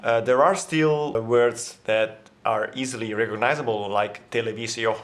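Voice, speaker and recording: A man whose first language is Italian explains grammar in a casual language lesson for his vlog, thinking aloud with lots of fillers and restarts. He speaks at a moderate pace with a medium-pitched voice and a steady tone.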